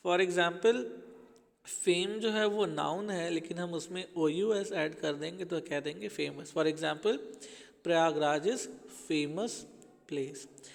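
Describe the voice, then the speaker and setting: A man's voice: high voice, creaky, in a large hall. A man teaching an English grammar lesson to schoolchildren, explaining patiently and speaking to them as children.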